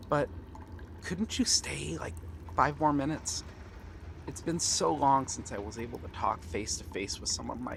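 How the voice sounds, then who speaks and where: Water sounds and seaside ambience, plus some background noise, surround a man playing an eager young pirate prince in one-sided ASMR fantasy roleplay. Reluctant and pleading, he talks in a medium pitch, unhurried, earnest, gentle and friendly, pausing often.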